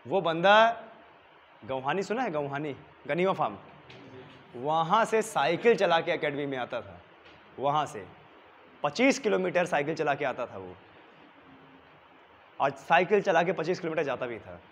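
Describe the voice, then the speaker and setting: A man's voice: on the high side, big pitch swings, normal speed, long pauses, a little hiss or hum. A young male teacher who drills exam vocabulary with repeated questions and answers in a coaching classroom. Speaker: English teacher. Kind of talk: exam-prep vocabulary lesson.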